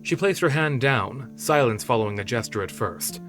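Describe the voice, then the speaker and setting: A man narrating a fantasy story in steady, measured storytelling. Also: mid-range voice. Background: soft background music.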